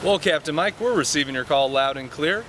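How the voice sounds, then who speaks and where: Man replying over a two-way radio, crisp formal radio talk, bright edgy tone, light hiss. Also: a little high, fairly quick. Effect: heard over a two-way radio. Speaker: radio responder standing by. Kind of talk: radio call protocol.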